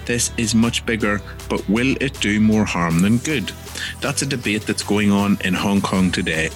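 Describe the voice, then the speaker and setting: A journalist with a Northern Irish accent and a somewhat low voice hosts a news podcast, delivering scripted introductions and interview questions.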